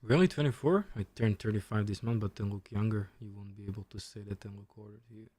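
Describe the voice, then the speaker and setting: Rattling along quickly, a man in his twenties streams chess with casual chat and commentary, often repeating short phrases. His voice sits on the low side and is a little mellow, with no room sound.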